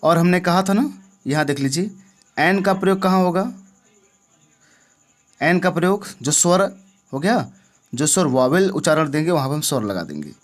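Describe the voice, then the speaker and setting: A man with a slightly high voice teaches a grammar lesson. He keeps asking the viewer questions and checking that they follow. His delivery is patient and repetitive, the way a classroom explanation sounds. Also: expressive, moderate pace, pauses often.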